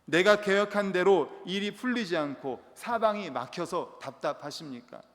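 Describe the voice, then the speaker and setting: High-voiced Korean pastor preaching. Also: male voice. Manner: earnest preaching with rhetorical questions and humorous storytelling. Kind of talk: sermon. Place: church sanctuary. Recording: long church hall reverb.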